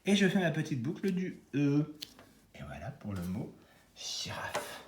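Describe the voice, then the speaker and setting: A man teaching young children at home, slowly talking them through cursive handwriting step by step and encouraging them. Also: fairly high pitch, sing-song, darkish tone, reverberant, a little hiss or hum. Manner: slow, step-by-step guiding, encouraging. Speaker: kindergarten teacher.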